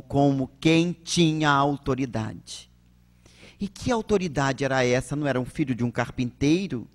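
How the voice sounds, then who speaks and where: Brazilian guy giving a spiritist talk, slow and measured, kinda high voice, lots of rhetorical questions. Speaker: spiritist lecturer. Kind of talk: public religious lecture.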